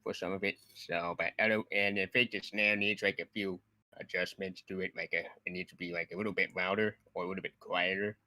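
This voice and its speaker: A man's voice: low-pitched, little pitch movement, fairly quick, pushed and bright, no echo. A man chatting as a panelist on a casual livestream, loose and filler-heavy with "like".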